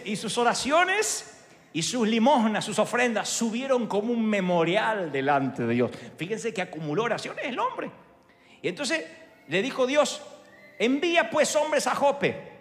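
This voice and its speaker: A man with an Argentine accent preaching a sermon in a large church hall, animated and humorous. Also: high voice. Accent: Argentine Spanish. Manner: animated, humorous storytelling with acted voices. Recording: echoey hall with long reverb.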